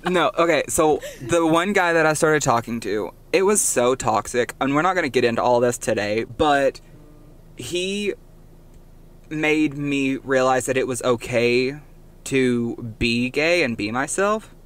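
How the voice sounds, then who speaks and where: A man's voice: mid-range voice, animated, unhurried, a bit bright. A young man co-hosting a casual podcast, telling stories and correcting himself as he goes, into a budget microphone. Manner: chatty, self-correcting storyteller. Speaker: podcast co-host. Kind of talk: casual chat.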